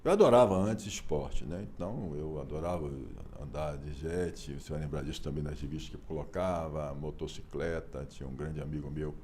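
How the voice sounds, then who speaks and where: A Brazilian man in his sixties, an author being interviewed, talking in an animated, emphatic way with rhetorical questions. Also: very deep voice, a little fast, few pauses, slight background noise. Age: 60s. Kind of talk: casual conversational interview.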